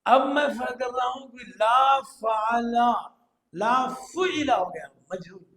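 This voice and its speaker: A man's voice: very high voice, takes it slowly, fairly bright tone, echoey room, low-quality recording. A man with an Urdu accent teaching Quranic Arabic grammar in an online class, drilling verb forms aloud and praising his students.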